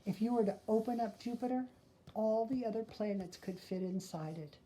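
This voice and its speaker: An older woman reads a children's picture book aloud, choosing her phrasing deliberately and slipping in gentle asides for young listeners. Her voice sits on the high side, and there's a slight hiss or hum.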